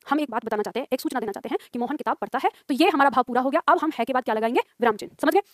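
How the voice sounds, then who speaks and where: A woman's voice: high-pitched, dry recording, clean studio sound. A woman teacher giving a lecture to students, explaining with examples and repeating lines for them to write down. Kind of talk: classroom lecture.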